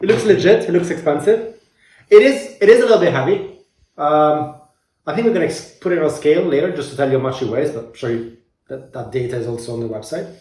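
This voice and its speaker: A man's voice: a little high, fast talker, darkish tone. A man doing a casual, hands-on product review in an easygoing, joking way. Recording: roomy echo, background noise, clicks.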